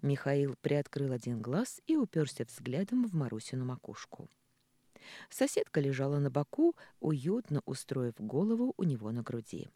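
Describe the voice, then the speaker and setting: Brief: male audiobook narrator, dark mellow tone, animated rise and fall, dry close mic. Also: mid-range voice, moderate pace, no room sound. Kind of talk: expressive storybook narration.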